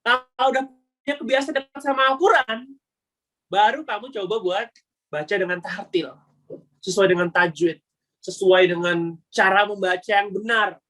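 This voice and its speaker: A young man giving a casual webinar talk, slangy and animated, acting out the voices of people in his story. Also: high-pitched. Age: young adult. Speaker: webinar speaker.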